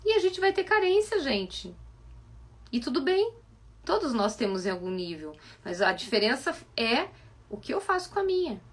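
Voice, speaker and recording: A woman with a Brazilian Portuguese accent, a psychoanalyst giving a reflective live-stream talk full of animated rhetorical questions. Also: sits high, moderate pace. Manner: asks many rhetorical questions, animated and coaxing.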